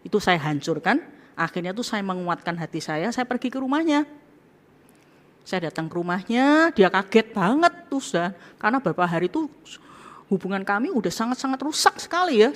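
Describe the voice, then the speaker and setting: A woman's voice: mid-range voice, big pitch swings, brisk, long pauses. A woman pastor preaching a sermon in a casual, conversational way, often acting out quoted speech. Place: church hall. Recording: long hall reverb.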